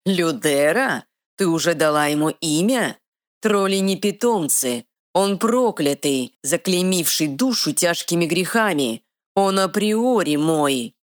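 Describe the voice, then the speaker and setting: A woman voicing an arrogant male dark sorcerer who speaks slowly with hissing menace, recorded dry. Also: lowish voice, expressive, no room sound, pitched above the performer's own voice. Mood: menacing. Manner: slow, drawn-out, hissing threats.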